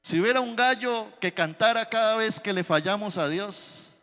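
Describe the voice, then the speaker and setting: A man's voice: high voice, normal speed, sharp tone. A man preaching a sermon as pastor, telling the story with dramatic, storytelling flair. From Colombia. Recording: long church reverb.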